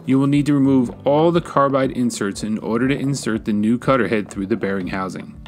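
A man, a woodworking channel host, giving calm, measured step-by-step voice-over instructions. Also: medium pitch. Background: faint guitar music.

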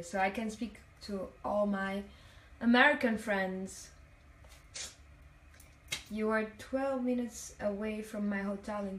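A young woman from Italian-speaking Switzerland, a native Italian speaker with a mid-range voice, hosts a casual phone livestream, chatty and full of ums as she reads comments aloud. She sits on the floor of a hotel bathroom, holding the phone at arm's length and talking to a mirror. The distant phone mic picks up the echo of the tiled room and a faint hum behind her.

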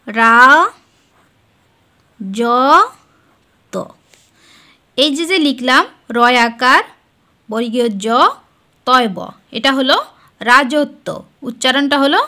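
Woman tutor, high and bright voice, slow careful step-by-step board lesson. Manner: explains step by step, asks and answers her own questions. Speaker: teacher.

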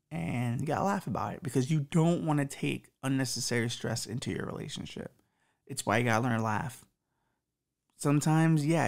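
This podcast host, a man in his thirties, has a medium-pitched, gravelly, slightly mellow voice and a slight lisp. He swears and rambles his way through relationship advice, often poking fun at himself.

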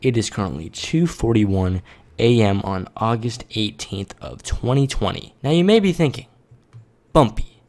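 An eighteen-year-old man quietly commentating a game late at night in his bedroom, calling viewers "boys" and "dude". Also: on the low side, animated, measured pace. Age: 18, young adult. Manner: hushed and casual, calls viewers "boys" and "dude". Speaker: gaming YouTuber. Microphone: desk microphone turned up.

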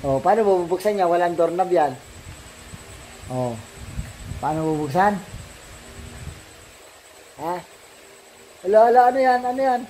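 Teasing dad, noisy home video. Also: male voice, sits high, lively intonation, unhurried, pauses often, mellow. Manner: teasing, playful, coaxing. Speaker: father playing with his young daughter. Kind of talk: casual home video banter. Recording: home video with background noise.

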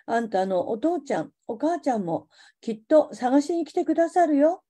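女性が演じる 広島弁の必死な姉. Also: female voice, high-pitched, big pitch swings, normal speed, dark tone. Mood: urgent tearful. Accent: Hiroshima dialect. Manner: urgent, tearful, comforting. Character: desperate teenage older sister searching ruins.

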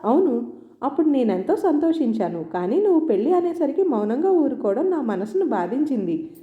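A woman's voice: high-pitched, normal speed. A woman voicing an earnest young man who is hurt and sarcastic toward the woman he will marry. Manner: calm then biting, sarcastic. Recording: roomy, dull lo-fi sound.

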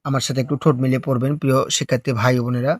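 A man teaching recitation step by step, explaining slowly and patiently before drawing out each phrase in a melodic chant. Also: medium pitch, level tone, dry recording, studio quality.

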